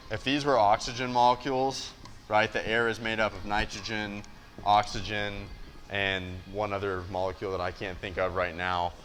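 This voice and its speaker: A man's voice: fairly low pitch, fairly bright tone. A young American man giving a casual, blunt explainer as a fitness coach, often checking in with listeners. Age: young adult. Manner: blunt, conversational, with rhetorical check-ins. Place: indoor gym space.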